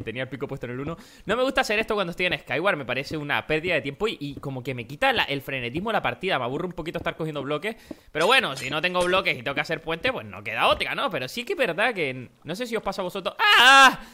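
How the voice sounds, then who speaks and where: A young man, commentating his own Minecraft match in a rambling, excitable way and breaking into frantic shouts. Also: a little high. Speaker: gaming YouTuber.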